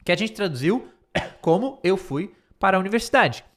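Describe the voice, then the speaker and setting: Man teaching English, slow and repetitive. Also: sits high, lively intonation, a bit bright. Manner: repeats words slowly to model pronunciation; thinks aloud and corrects himself mid-sentence. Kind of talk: English lesson explaining a speech line by line.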